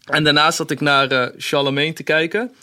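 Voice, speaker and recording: A man's voice: a little high, fairly even intonation, normal speed, pushed and bright. A man on a casual podcast who explains his views at length, with many fillers. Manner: reasoned, explains with many fillers like "zeg maar". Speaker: podcast co-host.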